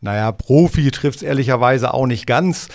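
A middle-aged man from East Frisia, an editor-in-chief chatting frankly and casually on a podcast, dropping Low words. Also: moderate pace. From East Frisia, northern Germany. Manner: relaxed, frank, mixes in Low German words.

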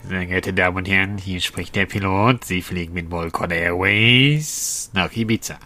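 A man putting on the voice of an airline pilot making a formal cabin announcement, in a slow and measured announcer manner. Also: deep voice, pushed and bright, faint music behind, voice pushed down. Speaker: podcast co-host. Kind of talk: joking impression in casual podcast chat.

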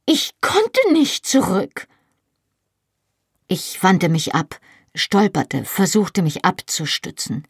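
Audiobook narration, woman, gravelly husky voice, dry close sound, dramatic. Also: fairly low pitch, no room sound. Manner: emotional, dramatic delivery. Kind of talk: first-person audiobook reading.

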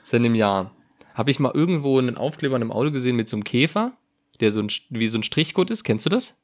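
A man co-hosting a casual podcast, telling rambling stories in a jokey, animated way. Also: medium pitch, quick pace. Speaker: podcast co-host. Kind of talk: casual chat. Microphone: remote call.

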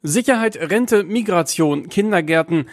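A man's voice: sits high, animated, unhurried. A man reading a scripted news report as a voice-over.

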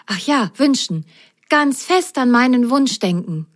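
Storybook girl sock, high and eager, a bit unsure, voiced by a woman. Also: expressive, a little slow. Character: excitable young girl sock, hesitant.

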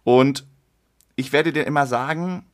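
A man in his thirties co-hosts a podcast, chatting casually, laughing easily and explaining things. His voice is medium-pitched and his pace unhurried.

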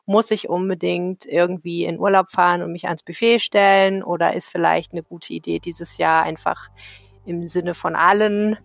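A woman hosting a casual news podcast, chatty and quick to laugh, reading the promo cheerfully. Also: fairly low pitch, gravelly. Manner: chatty, laughs easily, reads promo brightly. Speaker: podcast host.

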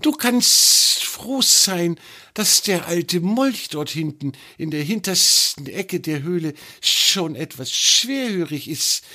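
A man voicing a small, fussy but friendly female cave snake with a hissing, high, slow voice in a children's story. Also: gravelly, sharp tone, slightly rough, exaggerated voice. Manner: slow, drawn-out speech.

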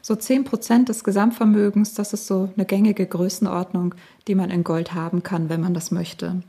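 A woman's voice: medium pitch, fairly even intonation, normal speed, warm tone, slightly rough. A woman explaining things conversationally as an expert guest and financial adviser.

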